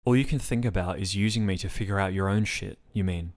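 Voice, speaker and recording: A man's voice: low voice, fast. A man reading the part of an angry, sarcastic young woman patient in a storybook reading. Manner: sarcastic, swearing tirade.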